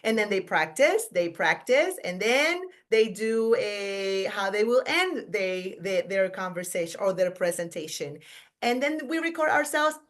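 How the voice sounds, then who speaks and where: A woman's voice: mid-range voice, expressive, a little slow. A middle-aged woman teacher giving a conference workshop talk, chatty and informal, checking in with "right?" and correcting herself mid-sentence. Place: conference room.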